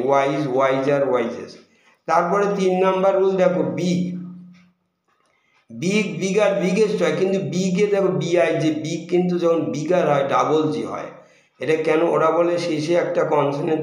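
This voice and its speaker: Bengali-accented male teacher in echoey room. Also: on the high side. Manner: explains patiently, repeats examples slowly. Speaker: English teacher. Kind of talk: classroom grammar lesson.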